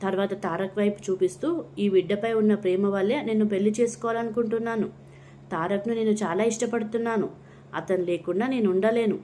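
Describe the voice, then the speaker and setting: A woman narrating a storybook in a steady, even reading voice, giving the dialogue only light expression. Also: mid-range voice, brisk, a little hiss or hum.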